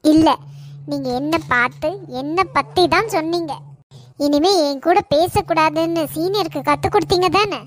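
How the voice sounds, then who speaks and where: A woman voicing a hot-headed college girl in a cartoon, accusing and shouting. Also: very high voice, normal speed. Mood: furious. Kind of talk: Tamil cartoon voice acting.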